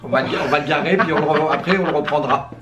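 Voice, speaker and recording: A man's voice: on the high side, very fast, echoey room, recorded from a distance, background noise. A man co-hosting a casual vlog, teasing and upbeat with frequent chuckles. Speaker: YouTube co-host.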